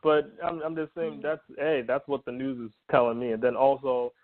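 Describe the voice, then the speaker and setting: Animated man over a phone line. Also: mid-range voice, normal speed, over a noisy crowd. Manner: animated, indignant, recounts the news. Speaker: podcast co-host. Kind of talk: casual opinion chat.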